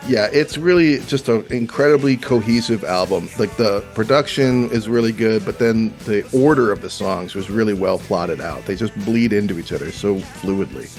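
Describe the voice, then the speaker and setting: A man hosting a podcast, talking about an album in a relaxed, chatty, self-deprecating way. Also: lowish voice, moderate pace, few pauses, faint music behind. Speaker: podcast host. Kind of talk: casual chat about music.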